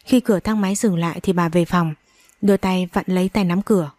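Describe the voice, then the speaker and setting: Woman reading a melodrama, mellow voice. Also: fairly low pitch, steady tone, brisk, no echo. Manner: emotional reading, voicing all characters herself. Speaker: audiobook narrator. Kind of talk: storybook narration with acted dialogue.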